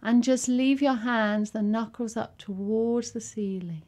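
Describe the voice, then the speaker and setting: A woman guiding a yoga and relaxation session, giving soft, soothing instructions with long pauses between phrases. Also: fairly high pitch, steady tone. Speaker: yoga teacher.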